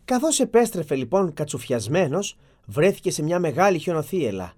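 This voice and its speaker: A storyteller giving an expressive, dramatic reading of a fairy tale. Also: mid-range voice, background noise.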